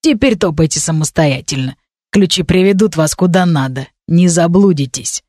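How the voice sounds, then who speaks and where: A woman voicing a gruff, grumbling male goblin doorkeeper in an audiobook, curt and growling. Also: on the low side, expressive, normal speed, a little mellow, no echo, studio quality. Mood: smug.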